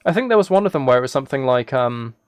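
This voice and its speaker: Speaking very fast in a clean, mid-range voice with lively intonation, a man rambles casually to his livestream audience. He thinks out loud and restarts phrases often, against background noise of typing and clicks.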